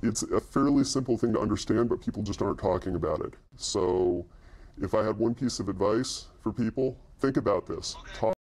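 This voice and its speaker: A man's voice: moderate pace, darkish tone. A middle-aged man speaking in a news interview, his voice electronically disguised, with an earnest, cautionary manner. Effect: electronically disguised, deepened voice. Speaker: anonymous auto industry software developer.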